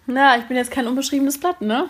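A woman's voice: high voice, fairly bright tone. A woman co-hosting a podcast in casual chat, reacting with slangy exclamations and questions. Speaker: podcast co-host.

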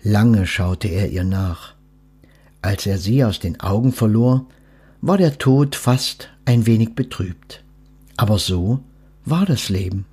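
A man's voice: on the low side, expressive, slow pace, slightly rough. A man hosting a podcast, reading a children's story aloud and then reflecting thoughtfully on death and letting go. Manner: thoughtful, gently instructive.

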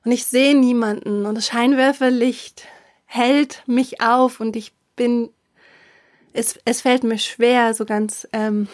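A middle-aged woman telling a personal story with emotion, haltingly, with fillers and restarts, often dropping to a whisper for emphasis. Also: a little high, darkish tone, dry recording, clean studio sound.

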